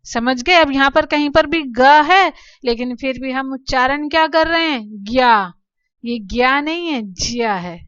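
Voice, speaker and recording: A woman teaching children Sanskrit letters, explaining slowly and patiently, asking questions and answering them herself. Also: high-pitched, fairly bright tone, no room sound, dull audio. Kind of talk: slow classroom explanation to children.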